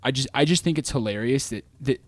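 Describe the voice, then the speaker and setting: A man's voice: mid-range voice, quick pace, no echo. Rambling man in a dry close recording. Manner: rambling, with many restarts and filler words. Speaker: co-host. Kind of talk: casual gaming lore chat.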